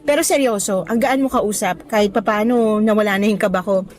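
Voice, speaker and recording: In a lightly acted delivery, this young adult woman speaks at medium pitch and a slightly fast pace. Her role is a cheerful new teacher in a radio drama: bright-spirited, chatty, grateful, hopeful, with a touch of nerves.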